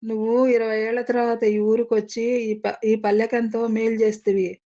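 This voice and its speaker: A lady reading as a calm shy village guy, middle-aged, smiling, mellow dull sound. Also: on the high side, close to an everyday voice. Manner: calm, unhurried, quietly smiling. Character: calm half-grey village man, shy yet fearless.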